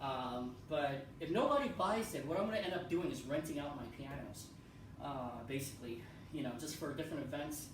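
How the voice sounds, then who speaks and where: A man's voice: on the high side, lively intonation, fairly quick, noisy background. A man giving a casual tour of his home pianos, rambling and repeating himself with many ums. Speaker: piano vlogger. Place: room in a house. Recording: echoey room, far from the mic.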